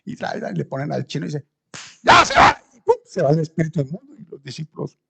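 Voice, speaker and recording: A male pastor preaching a sermon, acting out the voices of the people he quotes with big swings in pitch. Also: quick pace, creaky, dark tone, breathy edge. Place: church.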